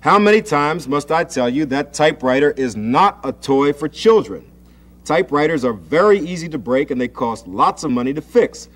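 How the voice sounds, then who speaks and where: A stern, irritated father in a children's storybook, voiced by a male reader. He lectures and shouts in a raised, higher voice. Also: a little fast, few pauses. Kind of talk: storybook reading.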